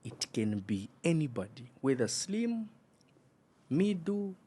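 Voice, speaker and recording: A man's voice: a little high, sing-song, slow pace, mellow, husky. A man co-hosting a podcast in casual chat, explaining points earnestly and teasing his co-host.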